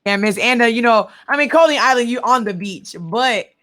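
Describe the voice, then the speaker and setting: Female co-host, Queens accent, bright and punchy, effusive casual street talk, close dry recording. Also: a little high, a little fast, dry recording. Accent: Queens, New York. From Queens, New York. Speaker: interview co-host. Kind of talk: casual, slangy interview chat.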